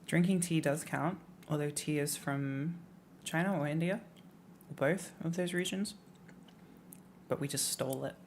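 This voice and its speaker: A young woman from England streams and chats casually, rambling with lots of fillers and playful rants. She speaks a little slowly in a low-pitched, darkish voice and pauses often, with slight background noise.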